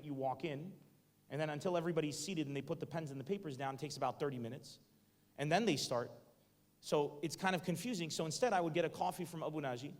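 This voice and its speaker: A man, a stand-up comedian, giving a motivational talk to students, joking and questioning the audience directly. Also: a little high. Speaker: guest speaker, stand-up comedian. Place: university hall before a student audience. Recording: echoey lecture hall.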